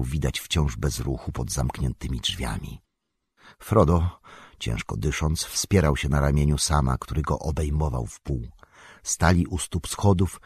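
A man reading an epic fantasy audiobook with dramatic, measured storytelling. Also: extremely low pitch, darkish tone, slightly rough, dry recording, studio quality. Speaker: audiobook narrator. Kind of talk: scripted narration.

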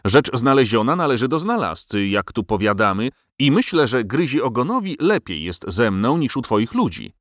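A man's voice: mid-range voice, big pitch swings, normal speed, few pauses, no room sound, clean studio sound, pitched above the performer's own voice, lightly acted. A man voicing a bold, cheerful farmer who teases a king in a storybook reading. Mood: cheeky. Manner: cheerful, teasing, stubborn.

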